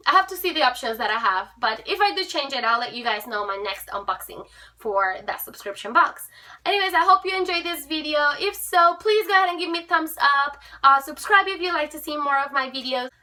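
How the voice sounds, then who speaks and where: A woman's voice: high voice, sharp tone. A young woman chatting upbeat to camera as a book vlogger, with small fillers. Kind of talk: casual chat to camera. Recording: voice a little distant from the mic.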